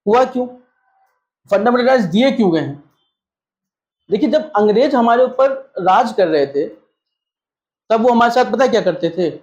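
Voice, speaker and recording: High-voiced teacher lecturing in an echoey room. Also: male voice, animated, normal speed, long pauses, darkish tone. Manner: asks rhetorical questions and answers them; mixes English terms into Hindi. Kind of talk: classroom-style lecture. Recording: echoey room, slightly dull sound.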